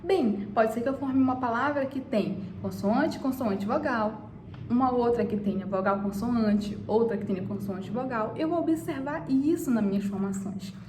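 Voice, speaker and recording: A woman's voice: on the high side, moderate pace, a little mellow. A woman teacher giving a lesson to children, speaking to the pupils directly and asking them questions. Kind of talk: online class lesson for children. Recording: echoey room, faint noise.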